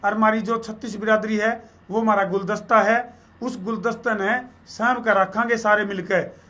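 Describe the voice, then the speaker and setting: A man with a Haryanvi accent speaks in a high voice. His tone is bright and forceful. He talks with folksy earnestness, as a local journalist pleading his case in an interview. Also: fairly even intonation, moderate pace. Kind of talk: earnest public appeal in casual interview.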